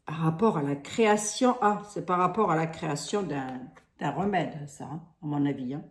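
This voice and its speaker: Here a low-voiced woman speaks at normal speed in a reverberant space, giving a casual tarot card reading. She has a Lorraine French accent, and her delivery wanders, hesitates and restarts, punctuated by "hein".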